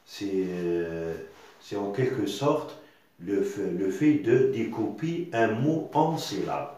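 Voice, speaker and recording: A man gives a reading lesson at an unhurried pace, breaking words into syllables and repeating each one patiently. His voice sits a little low. The recording rings with heavy room echo. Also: animated, mellow. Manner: repetitive, patient, sounds out syllables slowly with tags like hein. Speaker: teacher. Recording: very echoey room.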